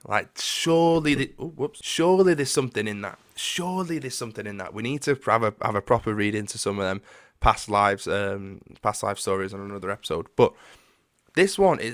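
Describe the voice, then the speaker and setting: A man's voice: on the low side, smooth, no room sound, clean studio sound. Chatty man hosting a podcast. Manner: chatty, animated reactions with drawn-out exclamations. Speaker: podcast host. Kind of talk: casual solo podcast, reading listener stories.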